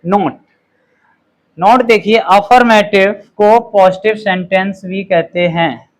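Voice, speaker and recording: In this rough recording, a man with a high voice and steady tone explains grammar slowly. He reads each example sentence very clearly and checks in with an "okay" after every point.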